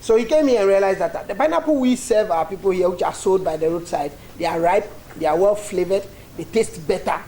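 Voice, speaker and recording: A speaker explaining a factory's history to visitors on a tour, measured and pausing on ums. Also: medium pitch, mellow, a little hiss or hum, low-quality recording. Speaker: factory representative.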